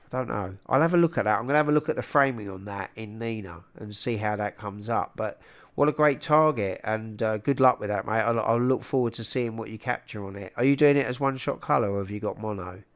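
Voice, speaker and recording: A man's voice: lowish voice, fairly quick. A man with a South London accent hosting a livestream in casual, matey chat, speaking into a large close microphone. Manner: informal and matey, calling people "mate". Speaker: livestream host.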